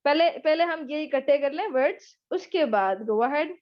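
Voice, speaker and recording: A high-pitched woman with a Pakistani accent leads a live online English lesson and takes questions. She teases and encourages her students in a chatty way, slipping English phrases into her Urdu. The audio is dull and lo-fi, like a web session. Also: expressive, normal speed. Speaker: spoken English teacher. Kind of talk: live online class lecture with Q&A.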